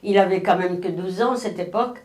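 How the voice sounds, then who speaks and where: A woman's voice: mid-range voice, fast, darkish tone. Elderly woman reminiscing in an echoey room. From Spain. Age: 90s. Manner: rambling, many restarts and self-corrections. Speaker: interviewee. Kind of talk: oral history recollection.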